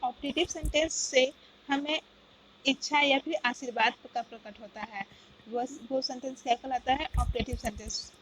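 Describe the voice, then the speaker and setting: A woman's voice: high voice, steady tone, moderate pace, a bit bright, poor audio. A woman teaching a grammar lesson, explaining step by step and often checking with "okay, got it?". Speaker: English teacher.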